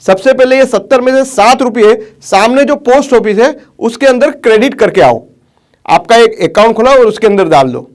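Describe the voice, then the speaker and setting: A man voicing an elderly father who gently advises his son about saving money, in a storyteller's retelling. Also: very high voice, expressive, moderate pace. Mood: fatherly.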